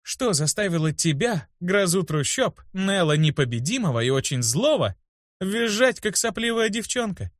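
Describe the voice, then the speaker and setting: A fussy, bossy young healer woman, as a male reader puts her on in a high, lifted voice that fires off anxious questions and scolds. The sound is close and dry, with no room around it. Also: expressive, moderate pace, no room sound. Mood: teasing. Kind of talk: audiobook character voice.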